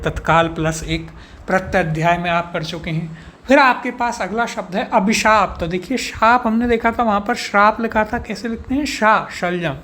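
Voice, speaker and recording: A man's voice: high-pitched, fairly bright tone, a little hiss or hum. Male Hindi teacher quizzing the class. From India. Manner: drills words with repeated rhetorical questions. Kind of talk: exam-prep lesson.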